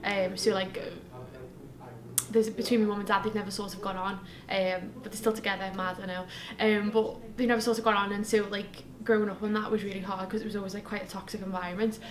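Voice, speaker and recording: A woman's voice: medium pitch, little pitch movement, quick pace. A woman in her twenties answering interview questions in a chatty way, full of fillers. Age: 20s. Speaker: student interviewee. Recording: echoey room with crowd chatter.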